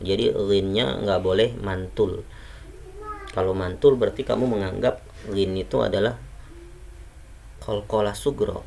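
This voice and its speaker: A man teaching Quran recitation rules in a patient, unhurried way, correcting common mistakes. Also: lowish voice, vocal fry, a little mellow, a little hiss or hum. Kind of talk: tajwid lesson with recited examples.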